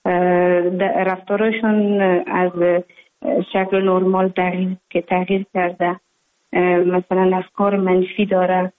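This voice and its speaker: A woman psychologist speaking with an Afghan Dari accent, her voice coming through a thin, tinny phone line. She talks at a steady, flat pitch with hardly any rise or fall, and pauses often with fillers as she explains. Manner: hesitant, many pauses and fillers. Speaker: psychologist guest. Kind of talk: phone interview on radio.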